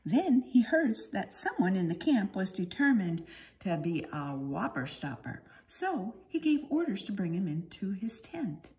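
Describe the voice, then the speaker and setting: Medium in pitch and darkish in tone, this woman reads a children's storybook at a measured pace. Her sing-song, theatrical emphasis is that of a storyteller performing for young listeners.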